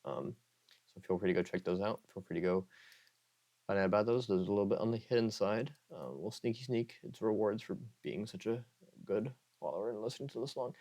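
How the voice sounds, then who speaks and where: A man who hosts an ASMR channel, talking softly with a strained throat and rambling, often correcting himself and slipping into whispers. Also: on the low side, quick pace. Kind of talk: soft-spoken ASMR outro chat.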